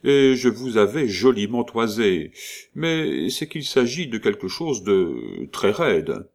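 A man reading an audiobook, voicing a cautious, scheming gentleman swindler with a wary, persuasive manner. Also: on the low side, very animated, takes it slowly, vocal fry, full character voice.

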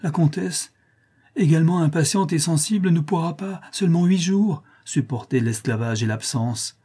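A man's voice: on the high side, moderate pace, mellow, slightly rough. A man reading an old French novel aloud in the first person, with an impassioned dramatic delivery. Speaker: audiobook narrator. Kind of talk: literary first-person narration.

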